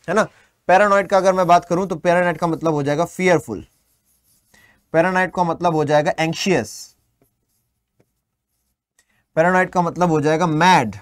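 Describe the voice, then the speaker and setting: Guy teaching for exams, reads slow then explains, kinda high voice, dry close sound. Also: no room sound. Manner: addresses students directly, asks and answers his own questions; reads English lines slowly, then explains them in Hindi. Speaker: English teacher. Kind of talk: exam-prep lesson, reading and explaining a passage.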